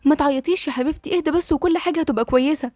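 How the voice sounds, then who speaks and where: A woman's voice: high-pitched, racing, mellow, dry recording, clean studio sound, pitched above the performer's own voice, lightly acted. A woman with an Egyptian accent voicing an affectionate, coaxing young woman friend in an audiobook. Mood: soothing. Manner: coaxing and teasing. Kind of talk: audiobook dialogue reading.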